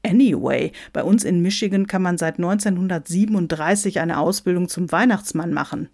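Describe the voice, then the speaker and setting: A woman's voice: fairly low pitch, a little fast, darkish tone. A woman doing a brash Claus. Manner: brash, showy, mixing in English phrases. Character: boastful American Santa Claus, older man with a big belly. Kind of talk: storybook reading with voices.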